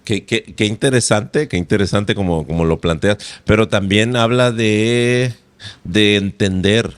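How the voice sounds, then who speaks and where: A man's voice: on the low side, measured pace, smooth, no room sound. A man hosting a casual podcast interview, telling rambling anecdotes and tagging his sentences with little questions. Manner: chatty, rambling anecdotes with frequent tag questions. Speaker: podcast host.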